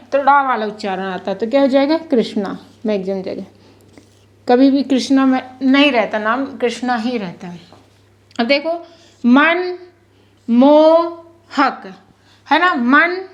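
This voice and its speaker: Woman reading teacher, high-pitched, patient spoken lesson, breaks words into slow syllables, asks questions back, drops in simple English phrases. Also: muffled recording. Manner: slow, drawn-out syllable-by-syllable sounding out.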